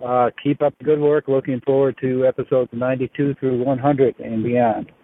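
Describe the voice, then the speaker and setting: A man's voice: mid-range voice, little pitch movement, normal speed. A man leaving a hesitant, friendly voicemail for a show. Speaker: caller leaving a message. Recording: tinny phone line with faint noise.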